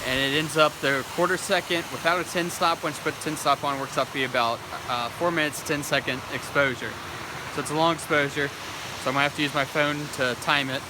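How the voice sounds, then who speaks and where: Waterfall roar and a rushing river swamp this noisy outdoor clip, in which a vlogger and landscape photographer chats informally to his camera, thinking aloud. His voice is on the high side with a steady tone, captured on a handheld phone or action camera.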